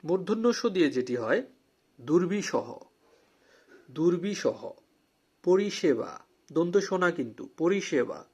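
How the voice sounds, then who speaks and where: A man with a slightly raised, husky voice teaches a spelling lesson. He reads out word lists at a slow, deliberate pace, repeating words for emphasis, his pitch rising and falling freely. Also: very animated.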